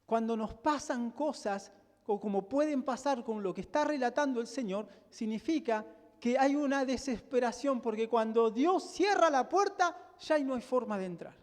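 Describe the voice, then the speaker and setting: A man's voice: very high-pitched, moderate pace. A male pastor with a Rioplatense Spanish accent preaching a sermon, emphatic and full of rhetorical questions to the congregation. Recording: long hall reverb.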